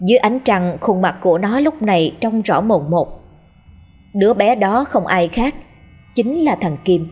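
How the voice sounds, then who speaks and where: A woman narrating a scripted ghost story in a steady, dramatic storytelling manner. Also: mid-range voice, husky.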